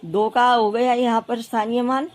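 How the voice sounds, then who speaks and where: A woman's voice: fairly high pitch, level tone, moderate pace, darkish tone. A woman primary school teacher explaining place value, patiently counting aloud and repeating steps for children. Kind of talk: classroom math lesson.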